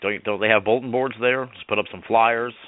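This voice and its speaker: A man's voice: on the low side, fairly even intonation, quick pace. A man hosting a casual radio chat, teasing and sarcastic with his guest. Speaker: radio host. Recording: dry phone-like radio sound.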